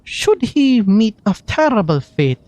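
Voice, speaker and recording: A man's voice: sits high, big pitch swings, unhurried, darkish tone, pitched above the performer's own voice. A man doing a breezy Scottish bard. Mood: wistful. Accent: put-on Scottish. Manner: theatrical, playful, sing-song. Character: breezy young male bard in a game. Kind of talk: fan voicing of game dialogue.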